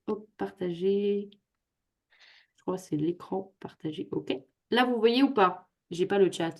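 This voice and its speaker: A woman's voice: medium pitch, a little mellow. A young woman tutoring students over a video call, chatty and joking at her own expense. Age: young adult. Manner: chatty, joking, self-mocking. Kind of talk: casual talk on a video call. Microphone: computer microphone on a video call.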